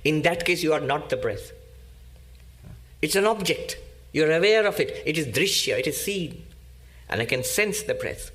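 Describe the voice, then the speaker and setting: Man, spiritual teacher, slightly high pitch, slow emphatic discourse, repeats key words. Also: animated, a bit bright. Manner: slow, emphatic teaching with many pauses and repetitions.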